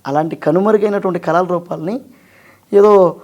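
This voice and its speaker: High-voiced earnest man, interview guest. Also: a little mellow, muffled recording. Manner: earnest, emphatic, sings in a slow drawn-out voice. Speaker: mimicry artist and actor, guest. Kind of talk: interview conversation.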